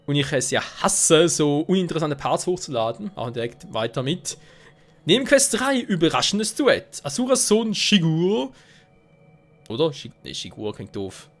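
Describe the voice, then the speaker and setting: A man hosting a let's play, casually commenting on gameplay and talking to viewers as friends. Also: fairly high pitch. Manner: chatty, addresses viewers as friends.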